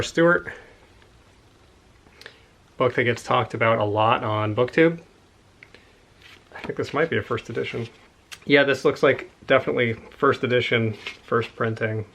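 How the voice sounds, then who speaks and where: A man's voice: medium pitch, a little slow, pauses often, a bit bright, a little hiss or hum. Enthusiastic man showing off books. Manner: rambling, enthusiastic, with asides. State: slightly out of breath. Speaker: book collector showing a haul. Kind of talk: casual chat.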